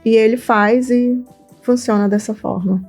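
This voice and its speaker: A woman's voice: a little high, unhurried, faint music behind. A Brazilian woman co-hosting a podcast for mothers, talking casually and acting out family dialogue as she tells stories. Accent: Brazilian Portuguese. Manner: animated storytelling, acts out dialogue. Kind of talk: casual chat.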